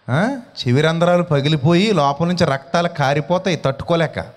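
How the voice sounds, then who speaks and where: A male pastor preaching a sermon in an animated way, full of rhetorical questions. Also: fairly high pitch, big-room sound.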